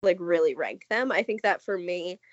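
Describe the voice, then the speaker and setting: Rambling through casual podcast talk and leaning on "like" nonstop, this co-host sounds nasal and scratchy from a cold. Her lowish voice is animated and moves at normal speed, in dry, slightly dull lo-fi audio with no room sound.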